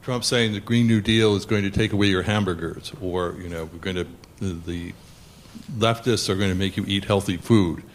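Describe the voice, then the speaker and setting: A man in the audience asking the panel a question in a measured way. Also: deep voice, a little hiss or hum.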